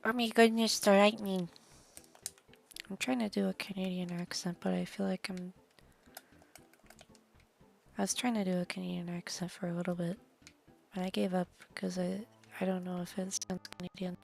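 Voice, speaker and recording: A woman's voice: fairly low pitch, level tone, normal speed, gravelly, long pauses, a little mellow, faint music behind. A woman streaming a game, chatting casually and rambling in a loose, meandering way with the odd swear. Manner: rambling, chatty, trails off into half-whispered asides. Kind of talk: casual gameplay commentary.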